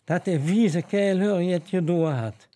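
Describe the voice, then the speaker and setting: Man doing fretful young nun in a told story, worried exclamations, high dark voice. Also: measured pace. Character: young nun, fretful and easily shocked, woman.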